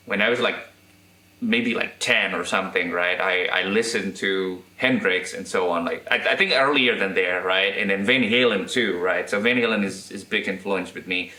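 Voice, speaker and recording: Man, indonesian accent, lowish voice, bright tone, echoey room, halting speech with "right?" tags. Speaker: guest guitarist and electronics restorer. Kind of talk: casual interview chat.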